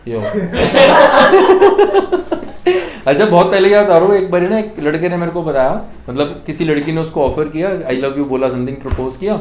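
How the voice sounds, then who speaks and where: A man's voice: fairly high pitch, fairly quick, hardly any pauses, reverberant, slight background noise. A man teaching an English grammar lesson in a classroom, telling jokey stories and asking students to repeat after him. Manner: animated, jokey storytelling with student call-and-response.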